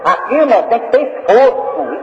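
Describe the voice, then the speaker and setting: A man preaching a revival sermon, animated, acting out prayers and dialogue, sometimes shouting. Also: very high voice, normal speed, a little hiss or hum. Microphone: far from the mic. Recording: dull echoey hall recording from far off.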